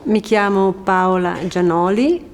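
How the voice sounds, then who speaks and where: A woman's voice: medium pitch, slow pace. A woman from Switzerland who organizes dance events, speaking earnestly and with emotion in an award portrait interview. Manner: earnest, moved.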